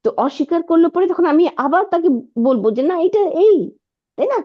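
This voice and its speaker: A woman's voice: very high voice, expressive, quick pace, muffled recording. A woman teaching an Arabic lesson online, patiently repeating words and checking that her student follows.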